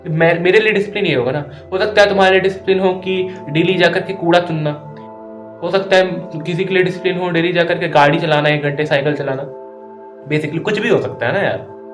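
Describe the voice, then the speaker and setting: A man's voice: sits high, brisk, faint music behind. Tired earnest man in an echoey room. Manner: earnest, keeps checking in with listeners, mixes English into Hindi. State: tired and sleepless, tongue stumbling. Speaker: self-improvement vlogger. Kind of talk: casual motivational monologue.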